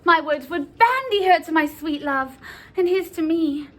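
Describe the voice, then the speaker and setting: A woman's voice: very high voice, animated, measured pace, fairly bright tone, pitched above the performer's own voice, heavily acted. A woman playing an impatient, lovesick teenage girl, reciting theatrical verse in a pleading, dramatic way. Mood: eager, impatient.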